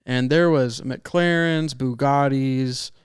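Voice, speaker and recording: A man's voice: medium pitch, fairly even intonation, takes it slowly, smooth, no room sound, studio quality. A young man co-hosting a podcast, telling stories in an emotional, slangy, casual way. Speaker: podcast co-host.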